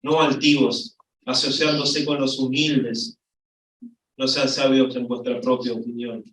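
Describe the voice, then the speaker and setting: Argentine pastor preaching in an echoey church. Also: male voice, mid-range voice, a little slow, recorded from a distance. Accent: Argentine Spanish. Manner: storytelling, lively, voice rising when excited. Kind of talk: sermon. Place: church hall.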